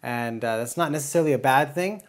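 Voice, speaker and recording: A middle-aged man and music educator, explaining things step by step in a relaxed teaching chat. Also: mid-range voice, quick pace.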